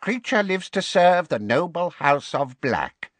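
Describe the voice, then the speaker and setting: A man voicing a high, muttering old house-elf. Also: big pitch swings, unhurried, a bit bright, dry recording. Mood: fawning. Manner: muttering, resentful, fawning to his master. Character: bitter old male house-elf servant, muttering and spiteful. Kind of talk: audiobook character voice.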